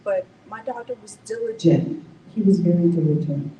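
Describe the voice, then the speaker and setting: A woman speaks slowly and reflectively, sharing her own survival story at a community forum. Her voice is low and mellow. It sounds a little distant, in an echoey room with a faint rumble behind it. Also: lively intonation, highs cut off. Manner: slow, reflective storytelling with self-corrections. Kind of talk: personal testimony at a forum.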